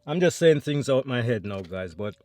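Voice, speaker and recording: A man's voice: medium pitch, lively intonation, moderate pace, a little mellow, no room sound, soft background music. A Jamaican man chatting to viewers between bites in a mukbang eating vlog at home. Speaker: food vlogger.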